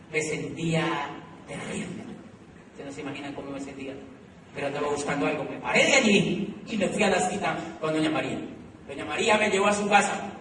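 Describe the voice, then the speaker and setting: A middle-aged man with a Colombian accent giving an animated motivational talk to an audience, telling his story with many repeated phrases. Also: sits high, noisy background. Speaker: motivational speaker. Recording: echoey hall recorded from far off.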